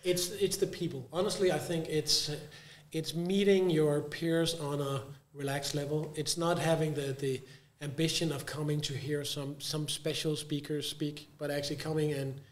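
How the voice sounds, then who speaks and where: Panel guest: man with a fairly high voice, explains with homely images, stutters on repeats, echoey live room. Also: steady tone, moderate pace, few pauses. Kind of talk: casual panel chat. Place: live conference venue. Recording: echoey live event recording.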